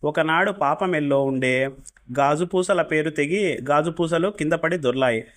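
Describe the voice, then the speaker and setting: A man telling a folk story as scripted narration, steady and plain. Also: a little high, moderate pace.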